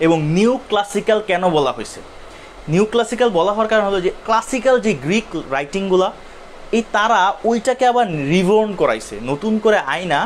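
Young guy teaching lit class, kinda high voice, asks himself questions, faint hiss behind. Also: lively intonation, quick pace. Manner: explains step by step, asks and answers his own questions. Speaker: literature teacher. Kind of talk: live class lecture.

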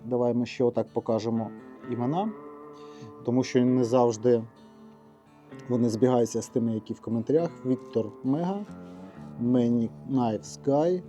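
A Ukrainian man co-hosts in a brisk, offhand way, announcing giveaway winners. His voice is deeply mellow and dark-toned, with faint guitar music behind it. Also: muffled recording. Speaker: co-host. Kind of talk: casual chat, reading out giveaway winners.

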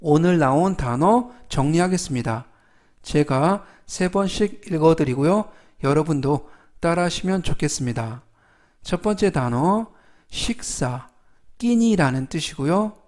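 A man's voice: fairly high pitch, a little mellow. A man with a Korean accent teaching English vocabulary, giving polite formal explanations and repeating each word for the listener to copy. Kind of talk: slow instructional vocabulary lesson.

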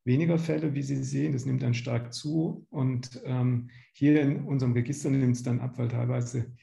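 A German pediatric gastroenterologist in his fifties gives a slide lecture to patients over a video call, explaining things somewhat hesitantly. His medium-pitched, dark voice is steady with vocal fry and moves at normal speed, and the small indoor room adds a roomy home or office echo.

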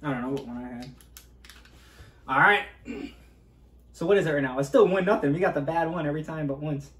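Eating gross jelly beans at a table in a small indoor room, the host of a food challenge video casually eggs his friend on in competitive banter. His voice is a little high, fairly quick and slightly bright. Recorded by a camera a few feet away, the sound has a roomy echo and faint background noise.

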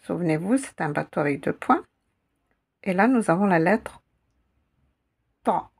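A woman teaching a slow, patient language lesson who repeats each sound carefully. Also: lowish voice, expressive, vocal fry, a little mellow, slightly rough. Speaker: Arabic teacher.

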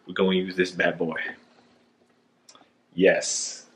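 A man in his thirties holds the camera at arm's length in his home kitchen, joking around as he cooks for a casual vlog. His low voice is monotone and slow, and the recording quality is poor.

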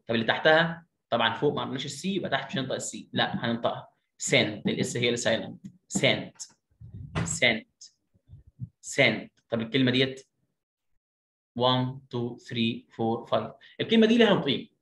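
A man with an Egyptian Arabic accent giving an online phonics lesson. He counts aloud slowly, then drills each word by repeating it. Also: medium pitch, fairly bright tone, echoey room. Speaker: phonics teacher.

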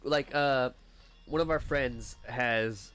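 A young man co-hosting a casual let's play, telling animated stories, acting out quotes and laughing loudly. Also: medium pitch, takes it slowly, clear, resonant tone, faint music behind. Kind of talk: casual gaming banter.

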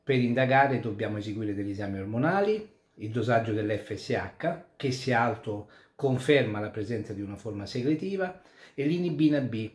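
A man, a urologist and andrologist, calmly explaining a medical topic step by step to viewers. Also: mid-range voice, moderate pace. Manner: calm, methodical, explanatory with occasional restarts. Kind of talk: explainer talk to camera. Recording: echoey room.

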